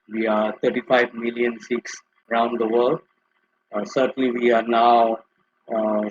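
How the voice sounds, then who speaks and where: A man's voice: medium pitch, fairly bright tone, a little hiss or hum. A man from Singapore and Malaysia, a guest on a webinar, introducing himself hesitantly over a headset on a video call. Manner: hesitant, many uh fillers. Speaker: guest, impact investor. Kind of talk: conversational self-introduction. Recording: muffled video call audio.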